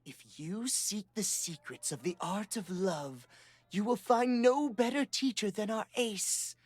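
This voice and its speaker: An actress playing a smooth-talking female brothel hostess in a video game, with theatrical, flowery sales patter. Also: medium pitch, a little slow, a little mellow. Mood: effusive. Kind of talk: video game character acting.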